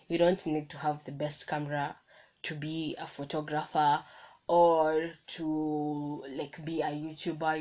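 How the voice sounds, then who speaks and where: A young woman hosts a casual solo podcast recorded on her phone, talking in a chatty, motivational way and correcting herself as she goes. Her voice is low and a little mellow, and the audio is poor.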